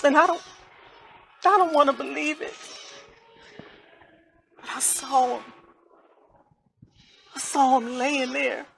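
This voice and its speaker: A woman acting a grieving mother in a stage play, speaking colloquially and swinging between hushed grief and angry outbursts. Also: high-pitched, takes it slowly, vocal fry, pauses often, slight background noise, full character voice, rough recording. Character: grieving mother, raw with sorrow and rage. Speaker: mother of a son shot by police.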